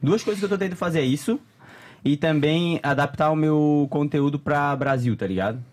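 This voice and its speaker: A man's voice: fairly high pitch, a little fast. A young man, chatting casually as a podcast guest, full of slang and frequent laughter. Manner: slangy, laughs often, animated storytelling.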